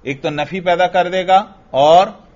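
Slow, patient male grammar teacher. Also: high-pitched, darkish tone, dull audio. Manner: slow, repeats phrases and quizzes students. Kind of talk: classroom lesson.

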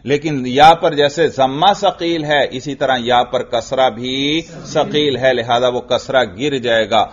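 A man teaching an Arabic grammar lesson, asking his students questions, answering them himself, and drawing out the example words slowly. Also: mid-range voice, fairly even intonation. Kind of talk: classroom lesson. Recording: dull lo-fi recording.

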